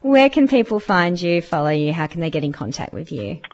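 A woman's voice: on the low side, sing-song, a little fast, dull audio. Bubbly Australian woman radio host. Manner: bubbly and chatty. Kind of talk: casual radio chat.

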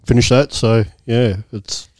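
Man, Australian accent, laid-back slangy bloke, casual storytelling, average pitch, dry recording. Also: steady tone, a little slow, no room sound. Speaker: podcast guest, comedian. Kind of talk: casual anecdotal podcast chat.

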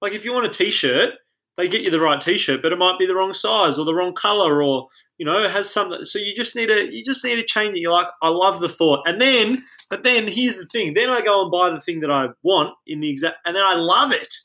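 Male podcast guest, fairly high bright voice, self-mocking and animated storyteller. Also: fairly quick. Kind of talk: casual chat.

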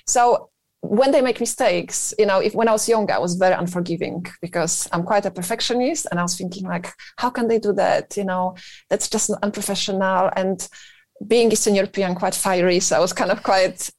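A Polish-accented woman from Poland, a business founder, talks at length as a guest in a radio interview. Her medium-pitched, slightly mellow voice moves briskly and sounds clean with no room sound, as she thinks aloud and keeps reaching for "you know".

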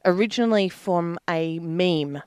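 A woman hosts a local radio show with playful, joking banter. Her voice sits slightly low. She is close to the mic in a dry studio. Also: a little slow, darkish tone, clear, resonant tone, dry recording. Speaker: radio host. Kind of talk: casual radio chat.

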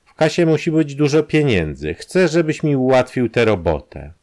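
A man voicing a brash safecracker who blackmails an old acquaintance, talking in a loud, taunting, pushy way. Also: mid-range voice, big pitch swings, moderate pace, pitched above the performer's own voice, close to an everyday voice.

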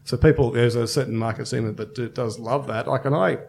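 A man's voice: medium pitch, steady tone, brisk, vocal fry, darkish tone. A man of fifty, a brewery co-founder, chatting casually as a guest and thinking aloud with many fillers. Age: 50s. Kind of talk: casual interview chat.

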